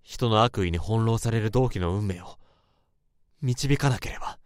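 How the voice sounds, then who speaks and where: Recorded with clean studio sound and no echo, a fairly low, natural male voice at normal speed narrates a radio drama. The actor is both narrator and protagonist, a troubled office worker who can hear others' thoughts, his brooding inner monologue and guarded exchanges erupting at times into frantic outbursts.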